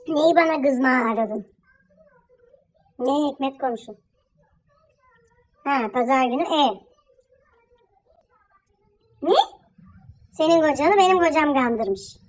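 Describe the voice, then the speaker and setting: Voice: high voice, fairly bright tone. A performer playing a gossipy elderly village auntie, quarrelling with a neighbour on the phone in a comedy sketch. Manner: scolding, quarrelsome, rapid gossiping. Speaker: comic character. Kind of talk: one-sided phone call comedy sketch.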